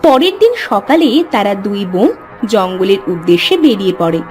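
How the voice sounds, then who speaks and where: A woman narrating a cartoon storybook in an even, scripted way. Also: medium pitch, normal speed, soft background music.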